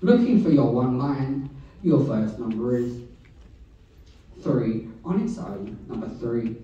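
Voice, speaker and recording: Male bingo caller, deep mellow tone, unhurried sing-song delivery, distant roomy sound. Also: lo-fi sound. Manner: steady sing-song number calling, repeating each digit pair. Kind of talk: calling bingo numbers. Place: large bingo hall. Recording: echoey hall, voice from far off.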